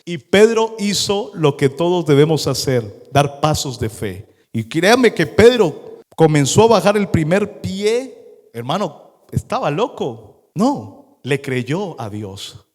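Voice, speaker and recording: Dramatic high-voiced preacher in a hall. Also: male voice, very animated, slow pace, a little mellow. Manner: dramatic storytelling, acting out scenes. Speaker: pastor. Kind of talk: sermon. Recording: long hall reverb.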